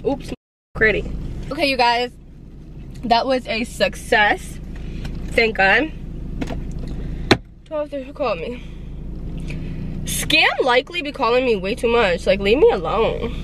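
A woman's voice: a little high, animated, takes it slowly, long pauses, noisy background. A young woman vlogging in casual chat from her car, talking straight to her viewers and saying "like" and "you guys" a lot. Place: in her car, driving around town.

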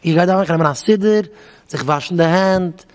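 High-voiced rabbi in a reverberant hall. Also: male voice, a little fast. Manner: animated, acts out back-and-forth dialogues. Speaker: rabbi giving a talk.

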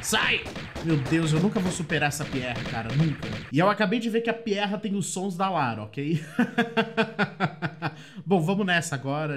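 A man with a Brazilian Portuguese accent doing let's play commentary, chatty and excitable, often breaking into shrieks of surprise. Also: on the high side, slight background noise. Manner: chatty, addresses viewers often. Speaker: gameplay commentator.

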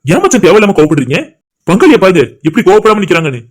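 Cartoon role: a man doing a smug young groom, high-pitched, teasing, rapid-fire. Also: big pitch swings. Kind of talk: cartoon voice acting.

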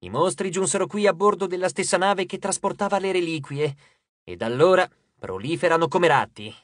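A man's voice: high voice, brisk, a bit bright, no room sound, studio quality. A man voicing a scornful, capricious male god. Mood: lecturing. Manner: breezy, scornful, lecturing. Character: haughty petulant male god, dismissive and capricious. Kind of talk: audiobook character reading.

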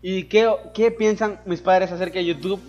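A high-pitched young man from Ecuador doing a casual question-and-answer voice-over. He jokes loudly and crudely and swears a lot. Faint music plays behind him. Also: steady tone, moderate pace, lo-fi sound. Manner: boisterous, crude joking with lots of swearing. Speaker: YouTuber answering viewer questions.

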